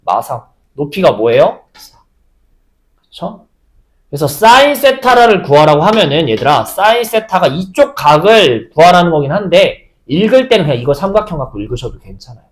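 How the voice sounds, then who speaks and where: A man teaching a high school math lesson, often asking the class questions and then answering them himself. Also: big pitch swings, normal speed.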